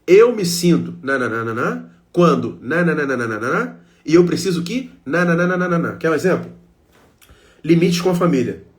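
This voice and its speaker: A Brazilian man with a fairly high voice gives a heartfelt self-help talk. He speaks straight to his listeners and drives points home with short, repeated phrases. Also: expressive, unhurried. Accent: Brazilian Portuguese.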